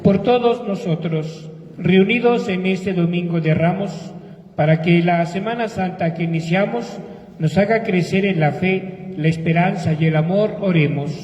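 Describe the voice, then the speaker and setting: A man's voice: high-pitched, unhurried, darkish tone. A man reading out prayer petitions at a church service, in a formal liturgical style. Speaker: reader of the prayers of the faithful. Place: large reverberant church. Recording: muffled, echoey church, distant microphone.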